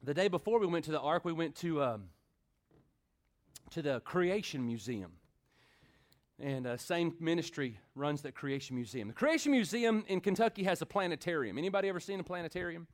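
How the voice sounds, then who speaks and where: Male pastor, high-pitched, rhythmic call-and-response sermon delivery. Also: very animated, brisk. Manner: swings from loud build-ups to quiet intimate talk.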